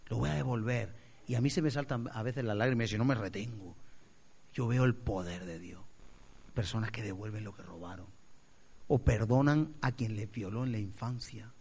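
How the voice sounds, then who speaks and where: Expressive male pastor preaching. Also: fairly low pitch, normal speed, slightly rough. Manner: expressive, acts out voices, swings loud to soft. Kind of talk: sermon.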